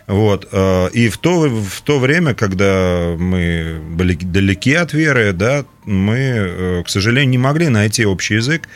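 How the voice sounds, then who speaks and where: A man speaking as a studio guest, telling a personal story casually with a hesitant, halting delivery. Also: on the low side, lively intonation. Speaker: interview guest, marriage course leader. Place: radio studio.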